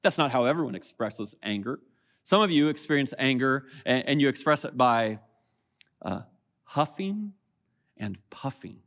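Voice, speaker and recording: A man preaching a sermon as pastor, conversational and animated, acting out little quotes from everyday people. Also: mid-range voice, moderate pace. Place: church auditorium.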